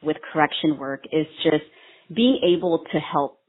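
A Vietnamese woman in her thirties, a brow artist and trainer, answers interview questions earnestly with many ums and restarts. Her deep, animated voice has a breathy edge and a normal speed, heard over a tinny, phone-like line.

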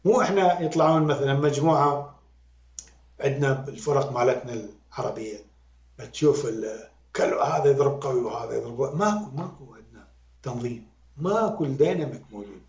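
Fast, animated Iraqi man in echoey room. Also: medium pitch. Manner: animated, emphatic, repeats words for stress. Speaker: music critic and guest. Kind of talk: conversational critique. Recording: roomy, dull lo-fi sound.

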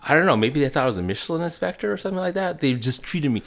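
A man chatting casually as an interview guest, telling stories haltingly with repeated words and restarts. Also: a little high, lively intonation, gravelly, a bit bright. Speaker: food enthusiast interview guest. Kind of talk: casual storytelling chat. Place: home basement.

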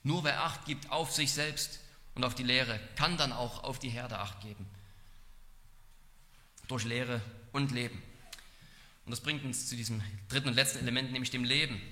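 Male preacher, earnest and measured, very bright tone, long hall echo. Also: medium pitch. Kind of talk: expository sermon.

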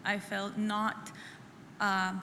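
A middle-aged woman from El Salvador, sharing her personal testimony at a church women's conference in an earnest, halting way, often repeating phrases. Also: mid-range voice, monotone, bright, forceful tone. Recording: echoey hall with faint room noise.

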